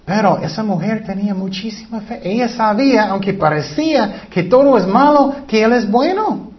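A man's voice: sits high, expressive, moderate pace, lo-fi sound. A man preaching a sermon in an earnest, emphatic way. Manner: earnest, emphatic, breaks into acted quotes.

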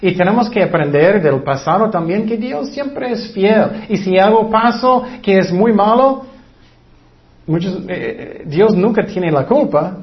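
Male preacher, slightly high voice, relaxed conversational sermon, muffled lo-fi recording. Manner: conversational preaching with fillers, quotes scripture, acts out prayers. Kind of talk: informal sermon.

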